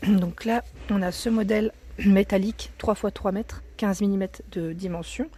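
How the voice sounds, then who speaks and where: Early in the morning, her voice cracking, a vlogger strolls a store aisle presenting new arrivals, chatting, frequently correcting herself and sometimes almost whispering. Her voice is mid-range, husky and dark, with a steady tone and moderate pace.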